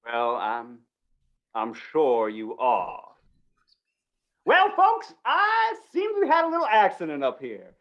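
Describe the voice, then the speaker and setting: In an old western radio play, a woman voices a flustered announcer at a small-town fair, giving a full character performance. She dithers and halts in a folksy way, repeating words as her pitch swoops with great animation. The live recording has a slightly dull, lo-fi quality.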